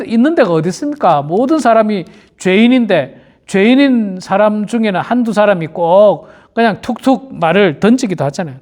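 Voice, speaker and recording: Pastor guy at dawn prayer, voice jumps all over, keeps repeating himself and talking right to the folks. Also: high-pitched. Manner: repeats key phrases and often addresses the congregation directly; acts out quoted churchgoers in little voices. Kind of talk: early-morning prayer sermon.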